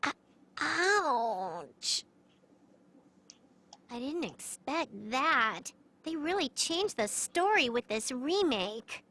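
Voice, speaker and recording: A woman's voice: high voice, sing-song, very slow, pauses often, pushed and bright, heavily acted. A woman voicing a bubbly, goofy young girl heroine in an anime-style game, playful and exclamatory. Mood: puzzled, playful.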